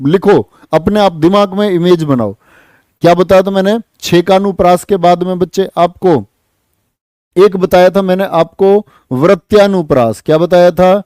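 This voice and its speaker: A man teaching an exam-prep class, lively, asking students questions and answering them himself. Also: high voice, normal speed, dry recording. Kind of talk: online exam-prep lesson.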